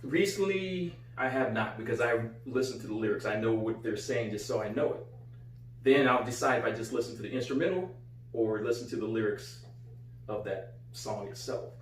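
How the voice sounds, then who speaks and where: Here a middle-aged American father co-hosts an easygoing chat, repeating phrases to drive points home as he sits on a couch in a small living room. He talks at medium pitch and normal speed. Captured off-mic from a distance, the audio is roomy and carries a faint hum.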